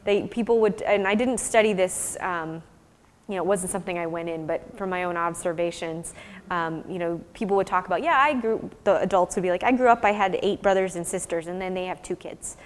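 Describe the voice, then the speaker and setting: A lowish-voiced American woman researcher talks a little fast as she presents her fieldwork and informally answers audience questions. Her phrasing is thoughtful and explanatory. The recording has long hall reverb with slight background noise.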